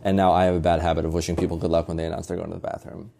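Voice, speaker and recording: Deep-voiced sarcastic young man. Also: monotone, racing, vocal fry, mellow, a little hiss or hum. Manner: dry, sarcastic storyteller. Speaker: podcast guest. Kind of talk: casual chat.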